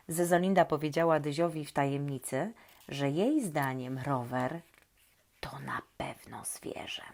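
A woman with a low-pitched voice reads a children's story expressively, speaking gently and directly to young listeners.

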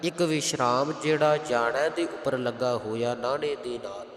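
A man with a Punjabi accent teaching careful scripture recitation, chanting verses slowly and then explaining their pronunciation. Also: mid-range voice. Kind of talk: slow, careful recitation lesson. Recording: roomy, long hall echo.

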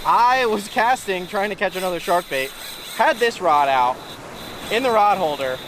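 A man in his thirties casually narrating on camera as he fishes from a beach, explaining each step and getting excited when fish bite. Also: high-pitched, normal speed. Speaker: fishing vlogger. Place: sandy beach outdoors by the surf. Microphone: action camera, head-mounted and handheld. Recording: outdoor beach audio with loud surf and wind. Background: crashing waves and wind.

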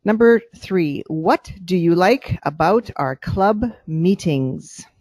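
A woman's voice: fairly low pitch, expressive, darkish tone, dry recording. A woman leading a club meeting in a cafe, calling on members and coaching them on short impromptu speeches. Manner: brisk, coaching, sums up answers. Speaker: meeting leader running table topics. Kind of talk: leading a club speaking exercise.

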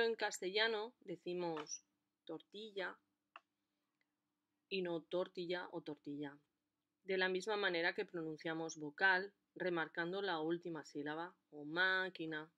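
A woman explaining a lesson in a clear, deliberate way, stressing the syllables of her examples. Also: fairly low pitch, dull audio. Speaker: language teacher.

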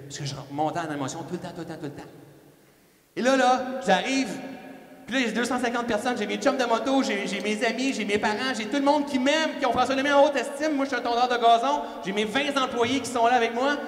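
Québécois male speaker, high voice, quick animated storytelling, long church-hall reverb. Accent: Québécois French. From Quebec. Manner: fast-talking, animated, self-mocking. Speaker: motivational speaker. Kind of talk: storytelling motivational talk. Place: large church hall before an audience.

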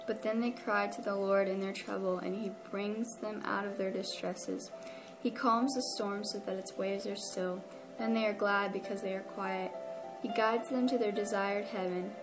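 Female co-host, steady flat scripture reading, set back from the mic over music. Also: mid-range voice, rough recording. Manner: steady, even reading aloud.

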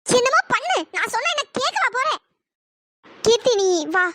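A performer voicing a sharp-tongued, furious middle-aged mother in a cartoon, scolding and shouting. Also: very high-pitched, sing-song, moderate pace, a little hiss or hum, heavily acted. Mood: angry scolding. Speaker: angry aunt. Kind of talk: pitched-up cartoon voice acting.

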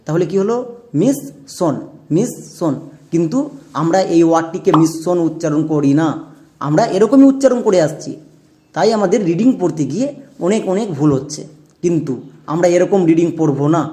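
A man's voice: high voice, warm tone. A man teaching English spelling and pronunciation, spelling words out letter by letter and asking rhetorical questions.

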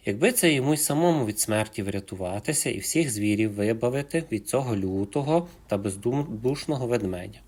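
A man narrating a folk fairy tale for children in an expressive storytelling manner. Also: lowish voice, a little fast, hardly any pauses.

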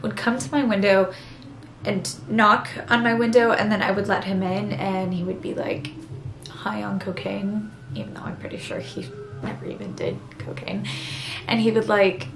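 A young woman acting a dramatic monologue as an embarrassed, sorrowful woman confessing something painful, halting and self-conscious. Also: medium pitch, steady tone, natural voice. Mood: wistful, uneasy. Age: young adult. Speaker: actor performing a monologue. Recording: roomy echo, clear background noise.

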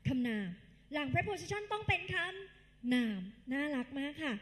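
A woman's voice: high voice, expressive, a little slow. A woman tutor giving a live exam-prep English lecture, quizzing the class in call-and-response and calling the students kids. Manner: calls the students kids and dear. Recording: long hall reverb.

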